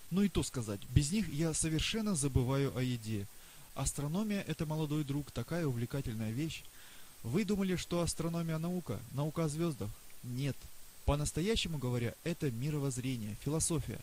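A man voicing a boastful, excitable old male astronomer professor in an audiobook reading. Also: a little high, natural voice, poor audio. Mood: earnest. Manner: lively, boastful, rapid questioning. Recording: faint hiss.

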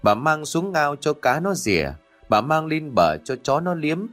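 A man's voice: big pitch swings, measured pace, fairly bright tone. A spiteful old village woman hurling curses at her neighbors, as a male storyteller puts her on, her voice swooping up and down as she rants. Faint music plays under the storybook reading. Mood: furious cursing. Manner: shrill, spiteful ranting curses.

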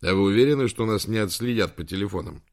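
A man's voice: fairly low pitch, fast, a little mellow, close to an everyday voice. A man voicing a wry, weary middle-aged professor, close to his own reading voice.

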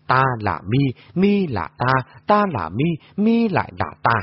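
A man's voice: mid-range voice, huge pitch swings, unhurried, slightly rough, exaggerated voice. A man voicing a mysterious shape-shifting trickster who mockingly echoes other people's words. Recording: dull lo-fi audio.

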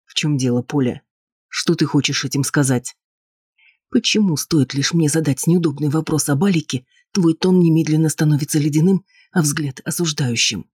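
A man voicing a cool, patronizing husband, husky in tone and dismissive in manner. He stays in his own register, recorded close and dry, like an audiobook reading. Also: a little high, moderate pace, darkish tone, no room sound. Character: cold, condescending husband, adult man.

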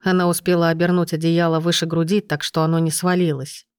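A woman narrating a novel in the first person, in a steady, even storytelling manner. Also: on the low side, fast talker, clear, resonant tone, no room sound, studio quality. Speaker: audiobook narrator.

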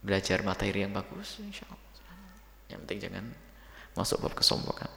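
A man, teaching a sermon lesson to his students with lively, teasing asides. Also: sits low, brisk, vocal fry, echoey room, long reverb tail. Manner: lively, teasing asides, calls listeners "nak".

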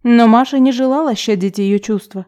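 A woman reading a novel aloud as an audiobook narrator, in an even, measured storytelling manner. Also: a little high.

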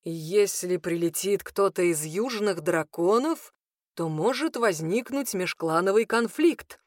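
A woman voicing a calm, prudent male dragon man in an audiobook, speaking in measured tones. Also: fairly low pitch, no echo, studio quality.

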